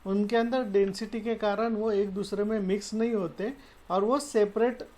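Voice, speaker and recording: A woman's voice: medium pitch, fairly even intonation, moderate pace, a little mellow. A woman with a Marathi-influenced Hindi accent, teaching a science lesson, explaining step by step and mixing in English terms. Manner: explanatory, mixes English terms, frequent "okay" fillers. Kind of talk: classroom lecture explaining slides.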